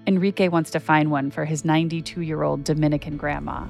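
A woman's voice: low-pitched, steady tone, brisk, vocal fry, over music. A woman hosting a podcast, narrating a personal story in a reflective, intimate way.

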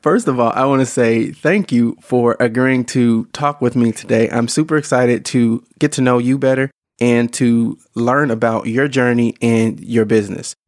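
A man's voice: medium pitch, no echo, studio quality. A man hosting a business podcast, welcoming listeners with energy and interviewing a guest in a casual, upbeat way. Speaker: podcast host.

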